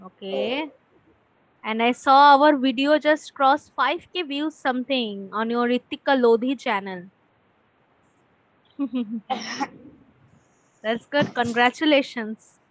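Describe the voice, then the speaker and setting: Speaking with an Indian accent, a woman teaches spoken English through relaxed conversation, posing simple, encouraging questions. Her voice is high and she talks slowly with frequent pauses. The recording is dry and rough, with little room sound.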